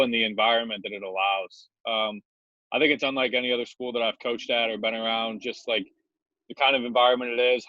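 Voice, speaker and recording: A man's voice: mid-range voice, pushed and bright, no room sound, lo-fi sound. A man, a former assistant baseball coach, speaking enthusiastically and earnestly on a video call. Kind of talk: casual video-call interview.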